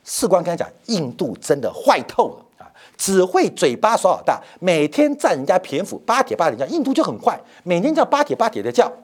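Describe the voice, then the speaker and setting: Husky, wildly animated man. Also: high voice, a little fast. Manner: animated, rhetorical, repeats phrases for emphasis. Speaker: financial commentator, show host. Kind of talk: emphatic market commentary.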